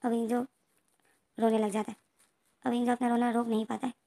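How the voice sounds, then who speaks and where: A woman's voice: a little high, flat delivery, fairly quick, vocal fry, mellow. A woman casually retelling a fan story, rambling with restarts and reading out characters' lines.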